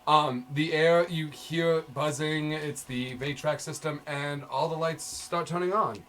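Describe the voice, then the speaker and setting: A man running a sci-fi tabletop game as game master, narrating scenes in a descriptive way with frequent "uh" and "um" pauses. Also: fairly high pitch, steady tone, a bit bright.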